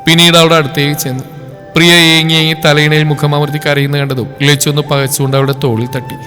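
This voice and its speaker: A man reads a serialized novel aloud at a rapid clip, his voice sitting fairly high. The room adds a long echo, and soft music plays under him. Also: level tone. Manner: brisk storytelling. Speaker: narrator.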